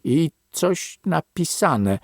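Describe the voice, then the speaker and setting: A man's voice: a little high, sing-song, no room sound, clean studio sound, voice pushed up, heavily acted. Kawka, a man voicing a wary old grandfather. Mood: musing. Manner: slow, grumbling, mutters. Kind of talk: audiobook character reading.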